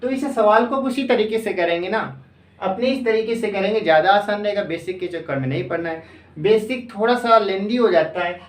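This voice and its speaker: Coaching teacher, exam-prep math lesson, self-answering questions, echoey room, distant mic. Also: medium pitch. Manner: asks the class questions and answers them itself; repeats phrases slowly as if dictating.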